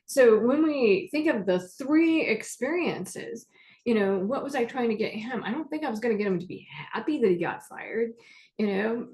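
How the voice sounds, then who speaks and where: A woman's voice: fairly high pitch, animated, moderate pace, darkish tone. A middle-aged woman therapist explaining emotions in a casual, chatty talk, telling stories and acting out what clients say. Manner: chatty storytelling, acts out quoted clients.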